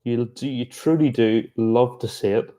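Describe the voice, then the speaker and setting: A man giving chatty, excitable live reaction commentary on a rugby match, breaking into exclamations. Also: medium pitch, unhurried. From Ireland. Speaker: sports reaction streamer.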